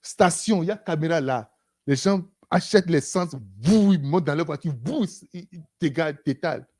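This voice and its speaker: A preacher giving an animated sermon, breaking it up with frequent hallelujahs and acted-out exchanges. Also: medium pitch, normal speed. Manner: animated, repeats "Alléluia", acts out dialogues.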